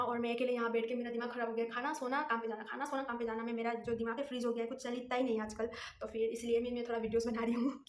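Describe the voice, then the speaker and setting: A woman's voice: fairly high pitch, a little hiss or hum. A young woman vlogging casually, telling a rambling story and repeating herself as she goes. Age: young adult. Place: room at home. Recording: echoey room.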